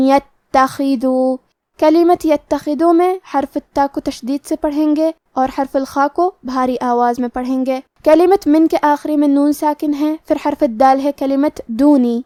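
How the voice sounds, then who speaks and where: A woman's voice: high-pitched, warm tone, dry recording, clean studio sound. A woman with a Pakistani Urdu accent, teaching Quran recitation rules, explaining each letter step by step in a methodical way. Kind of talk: tajweed lesson with slow recitation.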